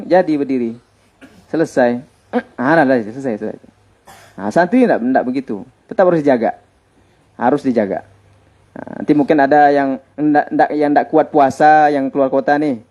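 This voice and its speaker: A man's voice: medium pitch, a little mellow. A man, a teacher at an Islamic boarding school giving students holiday advice in a conversational way, repeating his points for emphasis.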